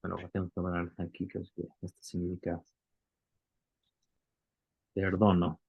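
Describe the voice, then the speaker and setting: A man's voice: low-pitched, completely flat delivery, a little slow, gravelly, breathy edge, narrow, tinny audio. A man teaching a Bible Greek class, explaining step by step and asking the students questions. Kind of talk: classroom lecture.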